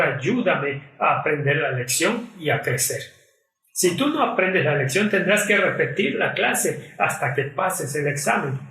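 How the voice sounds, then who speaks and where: A man delivers an earnest sermon in a somewhat high voice, acting out prayers and complaints as he goes. He is heard from some distance off the mic. The sound rings around an echoey church hall. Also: sharp tone. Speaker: preacher.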